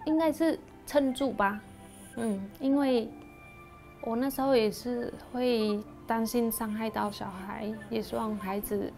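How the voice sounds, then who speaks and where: Casting: soft, halting woman in her 30s, from Cambodia, fairly high voice, quiet music beneath. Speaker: interviewee, university student. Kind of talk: documentary interview. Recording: clean documentary audio with music underneath. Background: soft background music.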